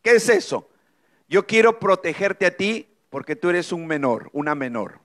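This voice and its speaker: High-pitched middle-aged man, church testimony, emotional preaching with dramatic pauses. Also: very animated, a bit bright. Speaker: speaker giving a testimony.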